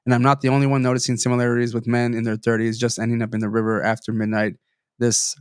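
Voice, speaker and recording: Young male podcast host, stuffy-nosed, rambling, mid-pitched, dry mic. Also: level tone, quick pace, clean tone, dry recording. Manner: rambling with fillers and restarts. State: stuffy sinuses. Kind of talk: casual chat, reading news aloud.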